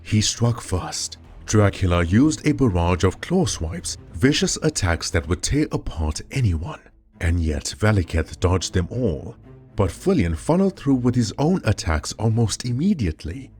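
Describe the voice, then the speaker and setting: A man narrating a scripted horror story as storyteller, with dramatic, expressive delivery. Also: fairly low pitch, measured pace, soft background music.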